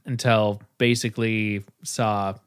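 A man co-hosting a casual chat, telling stories with lively acted-out quotes. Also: fairly low pitch, slow pace, smooth. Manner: animated storyteller, acts out quotes. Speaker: podcast co-host.

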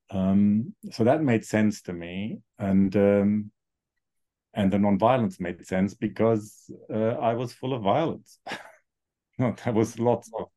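A man, a psychotherapist speaking reflectively in an interview, with frequent pauses and fillers. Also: fairly low pitch, warm tone. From Germany. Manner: thoughtful, halting, many fillers. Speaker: guest psychotherapist.

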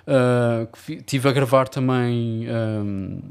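Male, European Portuguese accent, medium pitch. Relaxed podcast conversation, sweary and slangy, sprinkled with English. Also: slow pace, smooth. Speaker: music producer and mix engineer. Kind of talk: casual podcast chat.

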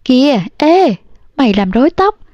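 Woman voicing a haughty vain young wife, high voice, dull dry audio. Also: sing-song, moderate pace, dark tone, no room sound. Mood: shrill. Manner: haughty, then shrill.

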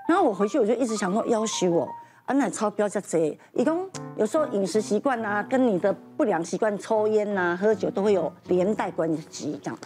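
A woman in her fifties with a Taiwanese accent, telling a personal story in a lively, casual way and acting out other people's voices. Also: medium pitch, brisk, soft background music. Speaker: guest.

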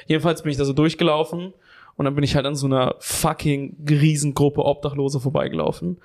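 Young man, comedy podcast co-host, slightly high voice, rambling storyteller, swears a lot. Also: fairly even intonation, brisk, a little mellow. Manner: rambling, swears a lot, keeps restarting with "anyway".

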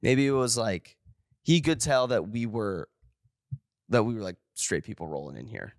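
A man's voice: lowish voice, lively intonation, moderate pace, creaky, dry recording, clean studio sound. A young man co-hosting a podcast, rambling through a story with lots of filler words. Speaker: podcast co-host. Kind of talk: casual podcast chat.

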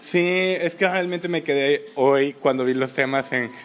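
A man's voice: fairly high pitch, unhurried, faint music behind. A man with a Mexican accent co-hosting a casual chat, speaking informally and searching for his words. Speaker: podcast co-host.

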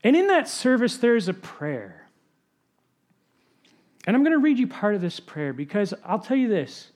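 A man pastor preaching a sermon, often dropping to a soft, low voice to stress a point. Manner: drops to a soft low voice for emphasis.

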